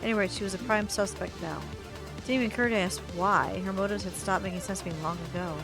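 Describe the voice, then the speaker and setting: A woman streamer reading a story game's narration aloud, expressive, with asides and small stumbles. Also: mid-range voice, quick pace, vocal fry, music in the background.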